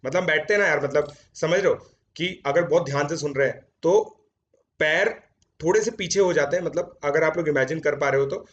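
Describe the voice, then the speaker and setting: A man's voice: on the high side, a little fast, a bit bright. A man in his thirties, a coaching educator, telling a story from his student days to his students in a chatty Hindi-English mix, recorded in a home studio. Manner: chatty Hindi-English mix, frequent "theek hai" fillers. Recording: dull lo-fi sound.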